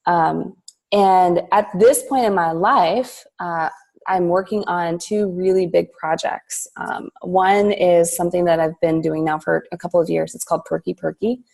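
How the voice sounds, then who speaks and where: Philippines-born woman, thirties, lowish voice, gushing and casual guest. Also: steady tone, unhurried, vocal fry. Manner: enthusiastic, warm, loose with fillers. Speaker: podcast guest, entrepreneur. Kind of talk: casual podcast interview.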